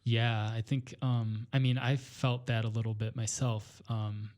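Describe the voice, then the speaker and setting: A man from northwestern Illinois, a poet and teacher, speaking reflectively as a podcast guest, pausing often with fillers and restarting his sentences. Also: medium pitch, little pitch movement, a little mellow. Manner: thoughtful, hesitant, many fillers and restarts. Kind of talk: reflective conversation.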